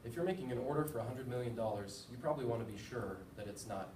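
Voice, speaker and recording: In an echoey room with background noise and the microphone well away from him, a young man from the United States talks fast in a mid-range voice. His class presentation is relaxed and informative, with some fillers and a few self-deprecating asides.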